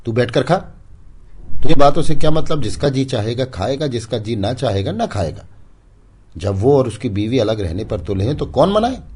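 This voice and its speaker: A man's voice: fairly low pitch, big pitch swings, moderate pace, a little mellow, husky, voice pushed up. A man voicing a weary, proud older village aunt who speaks curtly and with resignation. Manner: curt, resigned.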